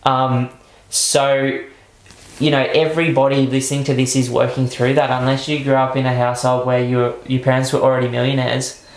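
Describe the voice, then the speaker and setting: A man talking bluntly on a podcast, swearing now and then as he makes his points. His voice stays flat and even in pitch. The recording has a roomy echo. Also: moderate pace. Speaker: podcast host. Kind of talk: casual podcast chat.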